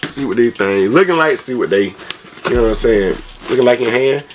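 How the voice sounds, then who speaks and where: Over soft background music, this sneaker vlogger chats in a lively mid-range voice at a moderate pace. His casual product review is full of slang, tag phrases and shout-outs.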